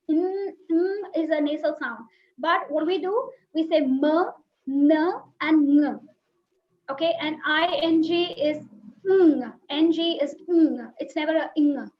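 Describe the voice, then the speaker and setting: A woman educator giving a webinar lecture on phonics, explaining and demonstrating speech sounds aloud and putting questions to her listeners. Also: high-pitched. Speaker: teacher trainer. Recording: dull lo-fi webinar audio.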